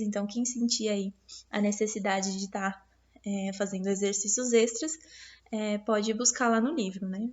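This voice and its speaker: Brazilian teacher lady going over a lesson for kids, kinda high voice, muffled lo-fi sound, lots of "right?" fillers. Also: darkish tone. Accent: Brazilian Portuguese. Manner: patient, explains step by step with many fillers and tag questions. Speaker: primary school teacher. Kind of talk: recorded review lesson for pupils.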